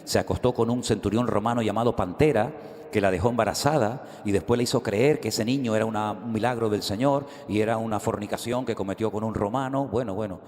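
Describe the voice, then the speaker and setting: A man's voice: on the low side, quick pace, darkish tone. A middle-aged man preaching a sermon, telling stories animatedly and acting out the dialogue. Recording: reverberant hall.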